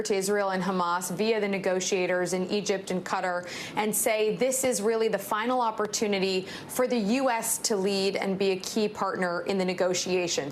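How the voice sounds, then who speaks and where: A woman news correspondent delivering a measured, fluent live report. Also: mid-range voice, slight background noise.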